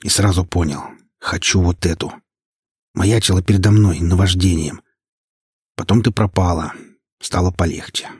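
Man doing gangster boss in his forties, flat and menacing, deep husky voice, dry. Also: no echo. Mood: bitter. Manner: flat, slow, contemptuous. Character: cold, menacing 46-year-old gangster boss.

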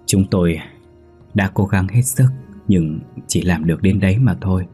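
A man voicing a calm doctor giving grim news. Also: low-pitched, moderate pace, faint music behind, lightly acted. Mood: grave.

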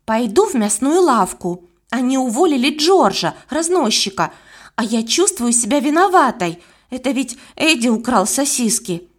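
A woman's voice: high voice, big pitch swings, moderate pace. A woman voicing an earnest young girl detective in an audiobook, speaking a little shyly. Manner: earnest, slightly shy. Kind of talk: audiobook character voice.

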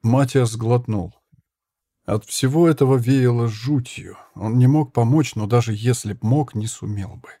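A man narrating an audiobook in a measured, hushed storytelling manner. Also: mid-range voice, no room sound, clean studio sound. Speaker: audiobook reader.

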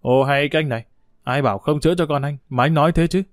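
A man's voice: fairly high pitch, no echo, studio quality, lightly acted. Man doing a cold, curt woman doctor. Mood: irritated. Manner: sharp, rapid scolding.

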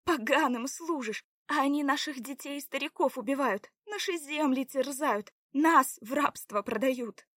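A woman voicing a proud, scornful young captive woman, sharp and higher than her narration. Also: very animated, normal speed, no room sound, clean studio sound.

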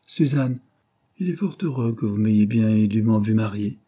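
A man voicing a gentle, devoted young married daughter who speaks softly and pleads with worry. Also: on the low side, moderate pace, husky. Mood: worried.

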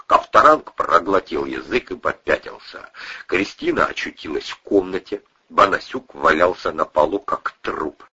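A man narrating a story with a lively, wry delivery. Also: sits low, moderate pace, husky, muffled recording. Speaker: audiobook reader. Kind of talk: expressive book narration.

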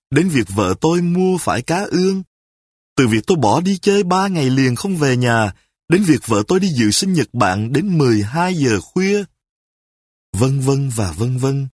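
A man reading a first-person story aloud in an expressive storytelling manner. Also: mid-range voice, breathy edge, dry recording, clean studio sound. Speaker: narrator.

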